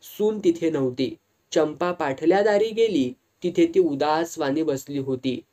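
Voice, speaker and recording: A narrator reads a serialized novel aloud in a steady storytelling manner. The voice is mellow and warm. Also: medium pitch, a little slow.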